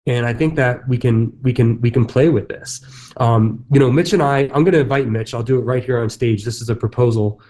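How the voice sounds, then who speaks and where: Speaking fairly quickly in a mellow, medium-pitched voice with fairly even intonation, a real estate agent gives a casual talk on stage at a conference session. He's loose, with plenty of fillers and restarts.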